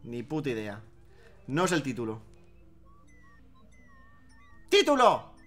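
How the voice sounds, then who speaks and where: Let's-play host, high-pitched, jokes and swears. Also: male voice, animated, fairly quick, soft background music. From Spain. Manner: joking, swearing, laughs often. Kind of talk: casual gameplay commentary.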